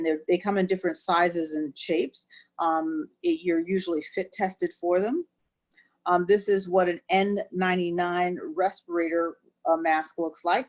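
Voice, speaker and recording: Lower-voiced woman presenting a webinar. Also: a little mellow. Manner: explains step by step, often says "actually". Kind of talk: educational webinar talk.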